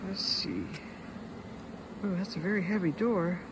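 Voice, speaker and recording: A man's voice: sits high, a little slow, heavy background noise. A man in his fifties giving casual, chatty travel vlog narration outdoors at a lighthouse, plain-spoken with frequent ums and restarts. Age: 50s. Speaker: travel vlogger.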